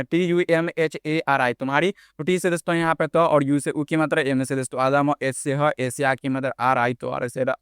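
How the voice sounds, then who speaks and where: A man's voice: mid-range voice, fairly bright tone, clean tone, no room sound, clean studio sound. A man teaching beginners online, spelling letters out one by one and calling his viewers friends. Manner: addresses viewers as friends constantly.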